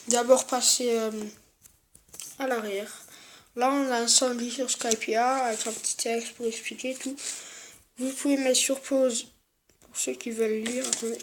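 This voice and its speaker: A speaker presenting an unboxing video in an informal, halting and repetitive way, with speech affected by new dental braces. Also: medium pitch. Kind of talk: casual unboxing commentary, partly reading aloud. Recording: clearly noisy home-made recording.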